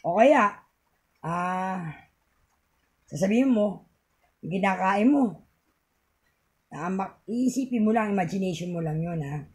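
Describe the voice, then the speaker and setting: A woman's voice: mid-range voice, animated, slow pace, long pauses, a little mellow. Chatty Filipino woman vlogger. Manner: chatty, rambling, laughs often. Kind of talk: casual home-remedy vlog.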